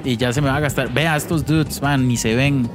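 A man with a Costa Rican accent chatting excitedly while playing retro games, slangy and tossing in English words. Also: mid-range voice, normal speed. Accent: Costa Rican Spanish. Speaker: co-host. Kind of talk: casual gameplay chat. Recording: music playing behind. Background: game music.

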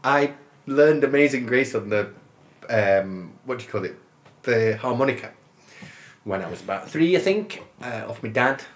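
A man in his fifties from northern England, a musician chatting as a guest in a relaxed, rambling, good-humoured way, often laughing as he talks. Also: medium pitch, moderate pace. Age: 50s. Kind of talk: casual interview chat.

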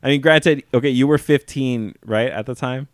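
A man's voice: mid-range voice, normal speed, no echo, clean studio sound. A man co-hosting a podcast in casual chat, telling stories in a brash, profane way and laughing often. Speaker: podcast co-host.

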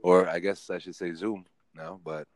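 A man's voice: low-pitched, little pitch movement, moderate pace, faint music behind, poor audio. A man in his forties hosting a casual podcast chat, laid-back and teasing, laughing often. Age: 40s.

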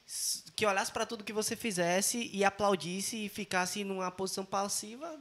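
A woman's voice: mid-range voice, moderate pace, a bit bright. A woman hosting a casual podcast, affirming and reflective.

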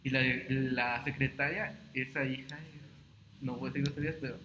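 A young man telling a personal story in a casual podcast chat, rambling and halting, often repeating words. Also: medium pitch, steady tone, fairly bright tone. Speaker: podcast co-host. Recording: roomy echo, noisy background.

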